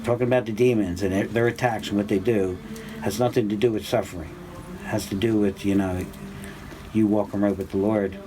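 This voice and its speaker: A man in his sixties giving an informal spiritual class, rambling and conversational with many fillers and restarts, climbing to a high, animated pitch when excited. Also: brisk, noisy background. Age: 60s. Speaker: spiritual teacher. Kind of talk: informal religious class talk.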